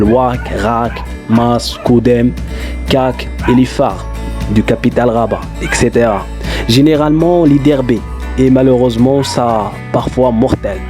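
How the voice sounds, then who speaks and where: This man speaks in a warm, mid-range voice. He's a Moroccan YouTuber whose mother tongue is Darija, and he chats through his vlog stories in relaxed, imperfect French with plenty of filler words.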